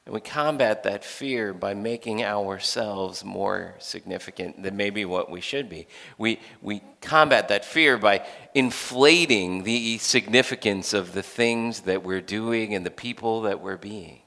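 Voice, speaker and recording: A man giving a sermon in a conversational way, moving between animated questions and quiet, hushed points. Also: lowish voice, unhurried, creaky, hardly any pauses, big-room sound. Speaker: preacher.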